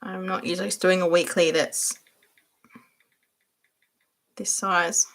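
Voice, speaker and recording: A woman's voice: on the low side, level tone, slow pace, fairly bright tone. A young woman hosting a casual livestream, chatting and laughing while she answers viewers by name as she works. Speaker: livestream host.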